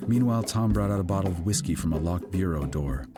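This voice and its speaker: Reading literary fiction aloud, this audiobook narrator has a low-sitting, expressive voice and talks fast. His storytelling is scripted, and background music accompanies it.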